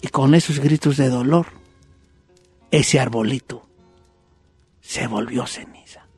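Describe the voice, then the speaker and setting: A woman narrating a dark children's story in an expressive way. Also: very deep voice, slow, slightly rough, faint music behind. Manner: dramatic, expressive telling.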